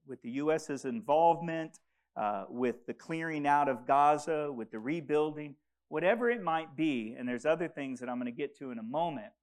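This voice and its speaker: A man who grew up in Congo preaching a sermon, earnest and rising to urgent emphasis. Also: fairly high pitch. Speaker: pastor.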